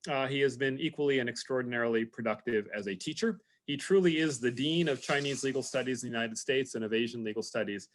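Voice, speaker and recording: A man giving a formal introduction for a lecture over a video call, speaking in a measured way with frequent pauses and fillers. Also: medium pitch.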